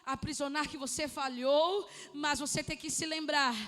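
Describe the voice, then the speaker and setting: A woman pastor with a Brazilian Portuguese accent preaching a Pentecostal sermon, swinging between fervent shouts and hushed, intimate speech and calling out listeners by name. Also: high voice, steady tone, normal speed, in a large hall.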